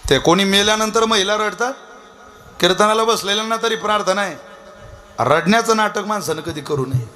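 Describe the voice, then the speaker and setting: A man with a high, ringing voice delivers a devotional kirtan sermon. He slowly chants verse, then drifts into humorous storytelling and preachy asides. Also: sharp tone. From Vidarbha, Maharashtra.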